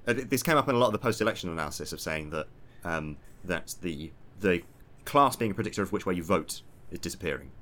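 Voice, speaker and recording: A man with a modern southern English accent, talking politics casually but analytically. His voice is on the low side and he moves very quickly through academic terms in informal sentences. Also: lively intonation, a bit bright. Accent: modern British, southern English. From southern England.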